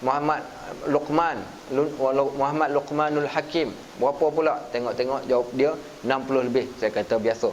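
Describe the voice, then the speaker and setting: A man's voice: medium pitch, steady tone, moderate pace. A man preaching in a mosque, animatedly acting out a story with Arabic and dialogue. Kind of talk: lively storytelling sermon. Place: mosque, to a seated audience. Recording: dull lo-fi recording with faint hiss.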